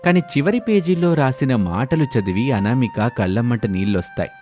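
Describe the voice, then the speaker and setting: A man narrating an animated family story in a calm, scripted manner. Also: medium pitch, moderate pace, faint music behind.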